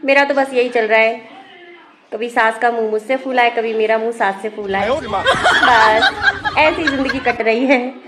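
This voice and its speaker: A woman's voice: a little high, measured pace, background noise. A woman hosting a family-comedy channel, chatting casually and directly to her married women viewers. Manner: chatty, addresses viewers as sisters. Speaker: channel host.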